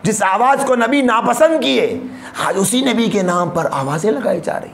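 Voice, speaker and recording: A man from India with a Hyderabadi Urdu accent, preaching an impassioned sermon as a mufti that swings from emphatic peaks to low, quiet stretches. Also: animated, normal speed, creaky, reverberant, a little hiss or hum.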